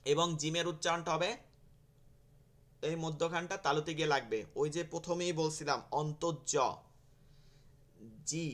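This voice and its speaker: A man teaching Arabic letter sounds in an online class, slowly repeating each sound for his students. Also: a little high, fairly even intonation, a bit bright. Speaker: Quran teacher. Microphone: video call.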